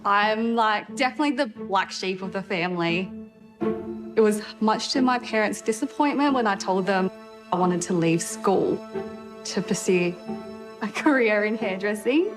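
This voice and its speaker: A woman's voice: medium pitch, moderate pace. Chatty woman talking over background music. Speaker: hairdresser.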